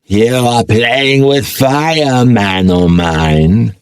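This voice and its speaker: A man's voice: mid-range voice, extremely slow, smooth, no room sound, studio quality, pitched above the performer's own voice. A male narrator voicing a flirty, teasing woman who is a huge spectral werecat, speaking lines from an audiobook. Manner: teasing, flirty, mock-scolding. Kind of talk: audiobook character voice.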